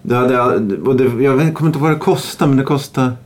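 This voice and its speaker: Brief: man, podcast co-host, halting casual talk, mid pitch. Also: steady tone. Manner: hesitant, stumbling restarts. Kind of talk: casual chat.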